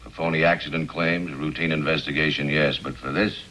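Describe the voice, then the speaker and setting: An actor playing a brisk insurance company chief in a 1950s film, businesslike and urgent. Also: male voice, rumbling low, steady tone, bright, forceful tone, a little hiss or hum, low-quality recording.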